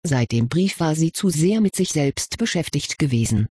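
Breathy narrator reading a story. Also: mid-range voice, animated, normal speed, warm tone, dry recording, clean studio sound. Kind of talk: audiobook narration of fan fiction.

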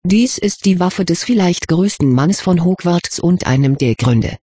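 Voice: mid-range voice, lively intonation, a little slow, mellow, slightly rough, dry recording, clean studio sound. A reader voicing a haughty, lecturing old male headmaster in a portrait, in an audiobook. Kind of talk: audiobook character reading.

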